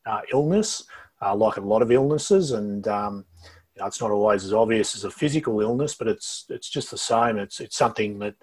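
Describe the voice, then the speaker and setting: A middle-aged Australian man speaking as an interview guest over a low-quality video call, talking in a halting way and often repeating words before going on. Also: lively intonation, slightly rough. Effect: low-quality video call audio. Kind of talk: casual interview talk.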